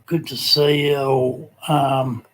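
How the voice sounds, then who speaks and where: Slow, even-toned Tasmanian man chatting casually. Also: mid-range voice. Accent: Tasmanian Australian. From Tasmania, Australia. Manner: laid-back, colloquial, hesitant with frequent ums. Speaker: livestream host. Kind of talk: casual live chat, greeting viewers.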